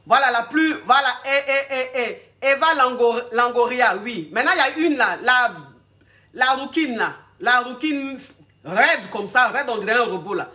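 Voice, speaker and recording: A woman coaching her viewers on relationships in a loose, chatty live talk. Her voice is bright and forceful. She rambles, stalls and searches aloud for the words she wants, speaking to her audience as if they were friends. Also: on the high side, moderate pace. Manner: addresses the audience directly and familiarly.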